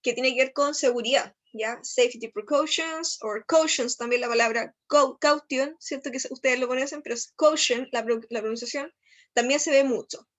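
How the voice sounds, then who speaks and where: High-voiced Chilean woman teaching English. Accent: Chilean Spanish. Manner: explanatory, frequent "¿ya?" checks; slows down to spell out English examples. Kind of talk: recorded online lesson.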